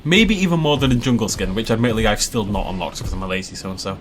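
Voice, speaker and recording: A game channel host with a lowish voice and lively intonation talks fast while building a park in a video game. His commentary is casual and chatty, with frequent laughter and playful asides, over slight background noise.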